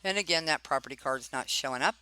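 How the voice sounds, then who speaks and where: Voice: mid-range voice, fast talker, pushed and bright, clean tone, low-quality recording. A person giving informal commentary while reading documents aloud, pointed and questioning, often tagging remarks with check-in questions. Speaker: narrator reviewing property records.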